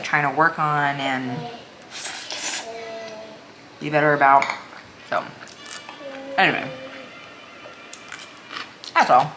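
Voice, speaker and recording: Woman, low voice, rambling casual mealtime chat, hesitant, noisy home recording with dish clatter. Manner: rambling, hesitant, frequent "like" filler. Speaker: vlogger. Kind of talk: casual chat over a meal. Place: small room at home, indoors.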